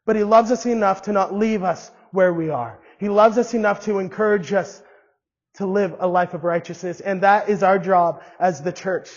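A man's voice: high voice, fairly even intonation, normal speed, big-room sound, lo-fi sound. A young man preaching an earnest sermon to his church, asking the listeners one question after another. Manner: earnest, asks many rhetorical questions. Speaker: pastor. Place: church hall.

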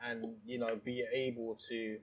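A man's voice: medium pitch, little pitch movement, unhurried, dull audio, a little hiss or hum. A man from Thailand who owns a restaurant, talking in a casual interview with many restarts and "you know"s. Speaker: restaurant owner. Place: his restaurant, indoors.

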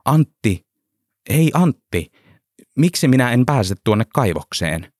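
A man's voice: on the low side, sing-song, darkish tone, no room sound, studio quality. A man voicing an earnest, stubborn Finnish worker who keeps pleading his case, a little raised from his narration. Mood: insistent.

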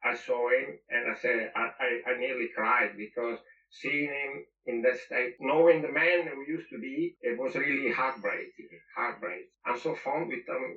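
A man's voice: mid-range voice, pushed and bright. A man, a former football goalkeeper and non-native English speaker, reminisces in an interview, emphatic and repeating phrases for weight. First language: not English. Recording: roomy, distant, slightly dull sound.

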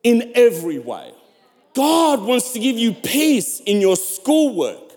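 High-voiced preaching man in an echoing hall. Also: big pitch swings, takes it slowly, a little mellow. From South Africa. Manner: emphatic, repeats and stretches key words, urging the crowd on. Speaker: pastor. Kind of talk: sermon. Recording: long hall reverb.

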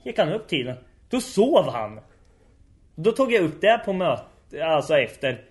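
A man casually telling hunting stories, a lively storyteller who uses lots of fillers. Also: fairly high pitch. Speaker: hunt organizer telling stories.

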